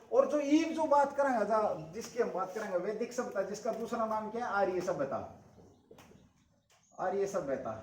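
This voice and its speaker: A Haryanvi-accented man lectures a coaching class in a fairly high voice, repeating key terms and answering his own questions. He calls his listeners brother again and again. The sound rings around an echoey classroom.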